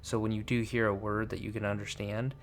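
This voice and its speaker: A man's voice: on the low side, flat delivery, brisk, slight background noise. A young man narrating paranormal investigation clips in a casual voice-over, hedging and searching for words with many fillers. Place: voice-over, not recorded on site. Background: faint background music.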